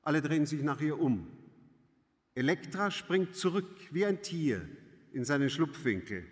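Male audiobook reader, slow and expressive, long reverberant hall sound. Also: fairly high pitch. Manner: measured, expressive, varied intonation. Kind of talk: slow dramatic reading of a stage play.

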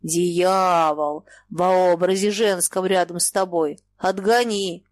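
Woman reader as frenzied male holy fool, slow raised sing-song chant, dry read. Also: lowish voice, fairly even intonation, dry recording. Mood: ominous chanting.

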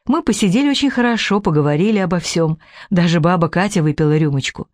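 A man narrating a storybook in an expressive, animated reading. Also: high voice, fast talker, no echo. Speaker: audiobook reader.

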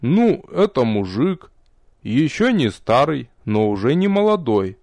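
A man voicing a nervous, sullen teenage apprentice boy in an audiobook, speaking gruffly and hesitantly. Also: mid-range voice, sing-song, measured pace, darkish tone, no room sound. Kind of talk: audiobook character voice.

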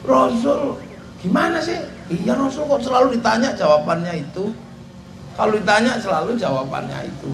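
A man's voice: high voice, fairly quick, creaky. A man preaching a humorous sermon, telling a story and acting out the dialogue. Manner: animated, joking, acts out dialogue. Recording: echoey hall with crowd noise.

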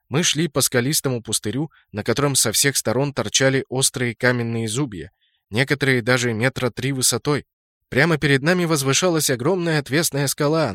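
A man's voice: mid-range voice, fairly bright tone, dry recording, clean studio sound. A man reading scripted fantasy game fiction as an audiobook narrator.

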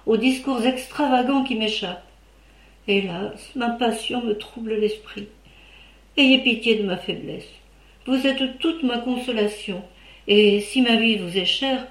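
A woman's voice: on the high side, unhurried, lightly acted. A woman voicing a distraught young noblewoman who begs her old servant for help, in an imploring, tearful manner. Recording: roomy echo.

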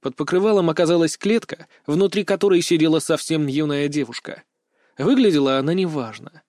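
A man narrating a first-person fantasy audiobook in an expressive storytelling manner. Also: fairly high pitch, brisk, no room sound, studio quality.

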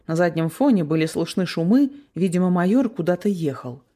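A woman's voice: fairly low pitch, lively intonation, brisk, mellow. A woman reading a first-person story aloud, tense and emotional in the dialogue. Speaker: narrator.

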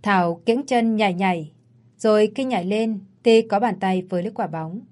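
A woman narrating a scripted audio story in a steady storytelling manner. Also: medium pitch, moderate pace.

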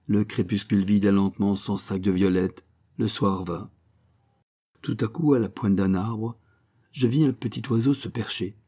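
A man narrating a literary short story in a measured, expressive reading style. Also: fairly low pitch.

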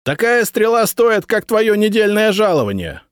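Brief: a man playing a bossy noble officer, loud and impatient, raised high voice, dry audiobook sound. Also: very animated, normal speed, clear, resonant tone, no room sound. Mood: commanding, irritated. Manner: shouting, impatient. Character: angry commanding male noble officer.

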